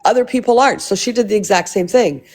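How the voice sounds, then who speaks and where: A woman's voice: mid-range voice, fast talker, a little mellow. A woman hosting a livestream, ranting angrily and with lots of swearing, often repeating and restarting her words. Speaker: livestream host. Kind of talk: angry live-stream rant.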